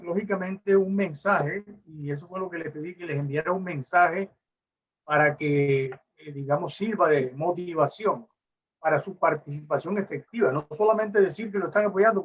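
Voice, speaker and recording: A man's voice: on the high side, breathy edge. Hesitant man on a distant call line. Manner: hesitant, lots of "eh, digamos". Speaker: meeting participant. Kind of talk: formal request at an online meeting. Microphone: video call. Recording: distant, muffled call audio.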